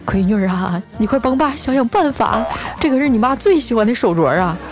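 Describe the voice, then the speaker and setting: A woman's voice: sits high, animated, a little fast, over music, pitched above the performer's own voice. Woman putting on a timid old dad. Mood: pleading. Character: flustered older father, timid.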